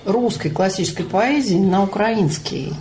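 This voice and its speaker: A woman's voice: medium pitch, a little slow, dark tone, a little hiss or hum. A woman hosting a radio interview, introducing and questioning her guest in a conversational way.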